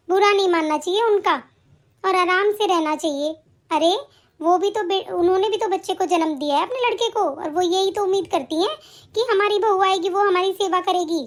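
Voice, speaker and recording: A stern, moralizing mother of grown children, voiced by a woman in an animated story. Her voice is pitched very high, and she scolds and preaches in a lecturing way.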